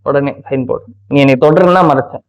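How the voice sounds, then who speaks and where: A man's voice: medium pitch, fairly quick, lo-fi sound. A young man in a couple's prank vlog, curtly repeating short insistent commands at home. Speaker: vlogger husband.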